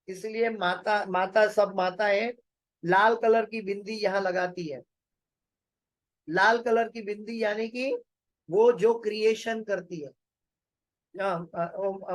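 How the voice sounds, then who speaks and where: A man teaches scripture in a measured lecture, his voice sitting high for a man. He takes his time, pausing on fillers and repeating phrases so they sink in. The sound is dry and close, with little room around it. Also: dry recording, poor audio. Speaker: Bhagavatam lecturer.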